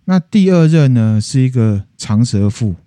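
A man's voice: mid-range voice, measured pace, dry recording. A man, hosting a podcast and retelling a fairy tale in a casual, playful way. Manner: animated, playful retelling with acted voices. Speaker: podcast host. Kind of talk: casual storytelling chat.

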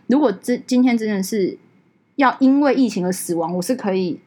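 Husky-voiced woman chatting. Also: medium pitch, fairly quick. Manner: animated storytelling, mixes in English phrases. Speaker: podcast co-host. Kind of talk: casual chat.

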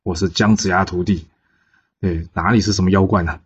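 A man's voice: low-pitched, fairly even intonation, brisk, breathy edge. A man voicing a strange male creature disciple who protests being called a monster. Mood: offended. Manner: offended, protesting. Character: odd tiger-whiskered male creature disciple, touchy. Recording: dull lo-fi recording.

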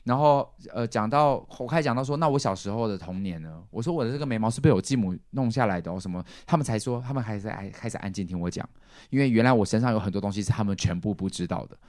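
A man's voice: lowish voice, quick pace, no echo, clean studio sound. A man, hosting a podcast and telling a family story casually, acting out what his relatives said. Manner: animated, acts out quoted relatives. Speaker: podcast host.

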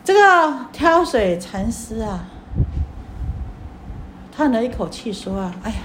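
A woman Buddhist teacher tells a parable in a dharma talk. Her voice is somewhat high, and she stretches the particles at the ends of her phrases. A faint hiss sits under the recording. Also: big pitch swings. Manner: drawn-out particles, addresses audience.

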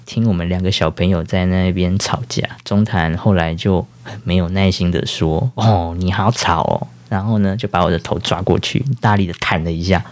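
Low-voiced man telling a rambling story. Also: steady tone, fairly quick, darkish tone. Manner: rambling, with many fillers and self-corrections. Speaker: podcast host. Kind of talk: casual storytelling.

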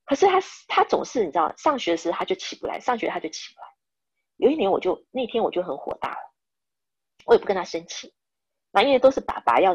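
A woman's voice: medium pitch, slightly rough. A middle-aged woman from Taiwan, a podcast guest telling family stories who acts out the dialogue and drops English words into her speech. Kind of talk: storytelling in a podcast interview. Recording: dull lo-fi recording.

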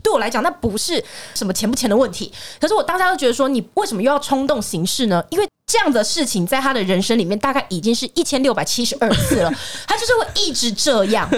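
Fast, lively woman telling a story. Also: a little high. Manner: animated, laughing, acts out voices in quotes. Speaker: podcast host. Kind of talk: casual chat, storytelling.

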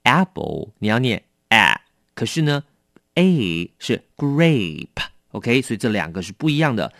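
A man teaching English vocabulary in a lively, coaxing way, asking his learners questions. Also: mid-range voice, a little slow, no room sound, studio quality. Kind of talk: bilingual vocabulary lesson.

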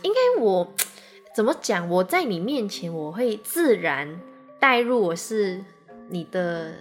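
A young woman with a Taiwanese Mandarin accent co-hosting a podcast in casual chat, calm and reflective. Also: medium pitch, takes it slowly, soft background music. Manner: calm and reflective, finishes the other's sentences. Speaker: podcast co-host.

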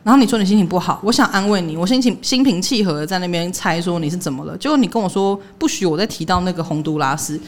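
Woman on a podcast, rattling off a story fast, lowish voice, laughs a lot. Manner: animated storytelling, laughing, acting out quoted lines. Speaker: podcast co-host. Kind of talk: casual chat, storytelling.

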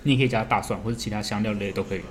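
A man's voice: on the low side, fairly even intonation, racing, background noise. A man with a Taiwanese accent explaining something step by step in casual chat, blunt and slangy, often repeating himself. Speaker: podcast speaker explaining a recipe. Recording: music playing behind the talk. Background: music.

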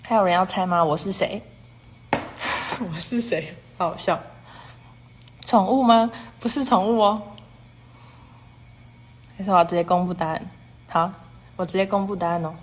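A woman's voice: medium pitch, moderate pace, long pauses. A woman hosting a casual livestream, talking in long rambling runs strung together with "and then" and chatting with viewers about their comments. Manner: rambling and repetitive, strings clauses with "and then". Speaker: livestream host.

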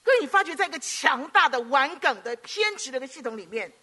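Woman preacher from Hong Kong, middle-aged, high bright voice, lively sermon delivery. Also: quick pace. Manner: animated storytelling with rhetorical questions.

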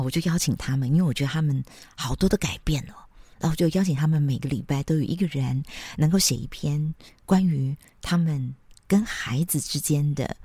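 A woman hosting a parenting podcast, chatty and sprinkled with soft laughs. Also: low-pitched, breathy edge, no room sound. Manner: chatty, with frequent soft laughs and tag particles. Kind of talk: casual podcast monologue.

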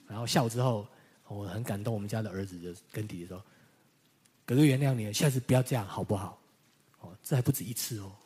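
Male pastor, sermon delivery. Slightly husky tone, mid pitch, animated storytelling with loud and hushed stretches. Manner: animated storytelling, shifting between loud emphasis and quiet reflection.

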